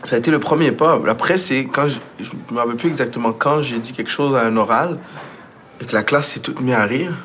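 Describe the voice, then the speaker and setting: A young man with a Quebec French accent, a comedian guest in a casual radio conversation, telling stories in a lively, joking way. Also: medium pitch, brisk, a little hiss or hum. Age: young adult. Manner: animated, joking storyteller.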